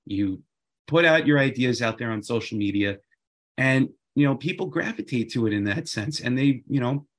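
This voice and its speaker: A man's voice: medium pitch, lively intonation, normal speed, a bit bright. Enthusiastic man. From Queens, New York. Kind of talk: casual chat.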